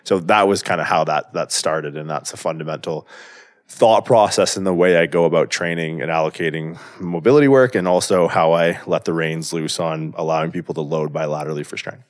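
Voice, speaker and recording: A man's voice: deep voice, brisk. A man in his thirties, a strength coach and podcast guest, talking casually and at length, full of "like" and "right?" and the odd swear word. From Canada.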